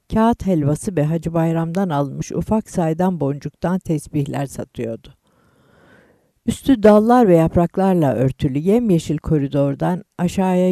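Male narrator in his fifties, measured storytelling, dry, close sound. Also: fairly high pitch, vocal fry, dark tone, no echo. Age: 50s. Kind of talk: first-person story reading.

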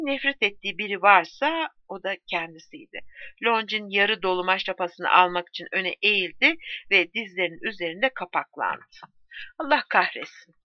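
Woman reading a novel aloud, steady pace, dry muffled recording. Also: medium pitch, no echo. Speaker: audiobook narrator. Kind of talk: scripted novel narration. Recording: dry, slightly dull audiobook recording.

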